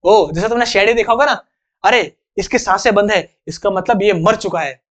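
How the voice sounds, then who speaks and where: A man's voice: high voice, normal speed, a bit bright. A young man teaching an English vocabulary lesson in a chatty, joking way, acting out little examples.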